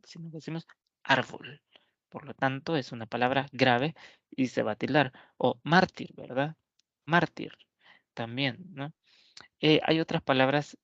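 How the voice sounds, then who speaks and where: A male teacher giving an explanatory grammar lesson, asking rhetorical questions, answering them himself, and saying example words slowly. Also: mid-range voice, fairly bright tone, no echo. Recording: dull lo-fi dry recording.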